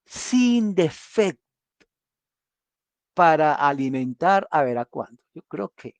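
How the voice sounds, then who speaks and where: A man preaching a sermon, animated, asking rhetorical questions and acting out quoted voices. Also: medium pitch, no echo.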